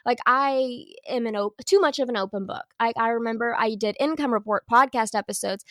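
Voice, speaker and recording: A woman guest in a casual podcast chat, candid and quick to laugh, acting out what others said. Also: fairly high pitch, no echo, studio quality. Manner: candid, laughs often, animated quoting of others. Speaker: podcast guest, business owner. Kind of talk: casual conversational interview.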